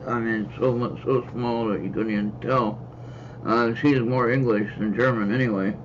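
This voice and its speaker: A man's voice: mid-range voice, fairly even intonation, normal speed, a little hiss or hum. An American man hosting a casual livestream card reading, talking in a rambling way with hesitant fillers and repeats. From United States. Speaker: host and card reader. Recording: slightly dull lo-fi stream audio.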